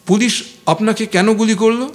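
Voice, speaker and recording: A man's voice: high voice, fairly even intonation, moderate pace, pitched above the performer's own voice, natural voice. A man voicing a blunt young male student leader who speaks in a raised, pressing voice in an audiobook. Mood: brisk.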